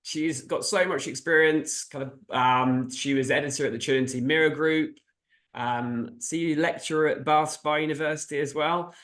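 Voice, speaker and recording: A man's voice: on the high side, steady tone, normal speed, a bit bright. A man hosting a casual interview, feeling his way through loosely phrased questions. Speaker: host, interviewer.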